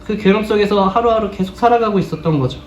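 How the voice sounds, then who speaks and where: A man with a notably high voice preaches an earnest sermon, turning again and again to ask his congregation questions. He sounds set back from the microphone, and the church sanctuary lends his words a full, roomy echo. A faint hum of background noise sits under the recording. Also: quick pace, darkish tone, far from the mic.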